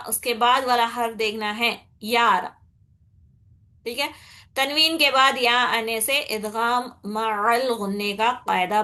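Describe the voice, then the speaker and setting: A woman teaching Quran recitation rules, patiently explaining and checking in with her students, then demonstrating with slow, drawn-out nasal recitation. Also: fairly high pitch, bright, forceful tone. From India. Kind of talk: tajweed lesson.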